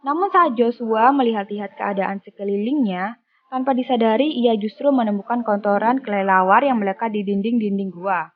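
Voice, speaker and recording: A woman reading a scripted film plot recap in an even storytelling manner. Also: a little high, normal speed. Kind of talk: scripted narration. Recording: dull lo-fi voice-over with music.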